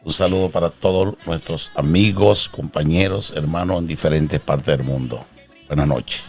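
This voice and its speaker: A man in his sixties from the plains, telling of his childhood in an earnest, proud, unhurried way. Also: very deep voice, faint music behind. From Venezuela. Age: 60s. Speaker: interview guest, father of host. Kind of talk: casual interview.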